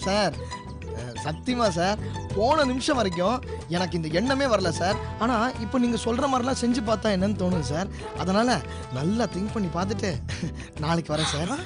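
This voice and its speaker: A sarcastic college kid, teasing back, music under it. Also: male voice, high voice, animated, fairly quick. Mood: cheeky. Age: young adult. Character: cheeky young male college student. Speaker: college student hanging around the house. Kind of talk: TV serial acting. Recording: TV serial with music behind.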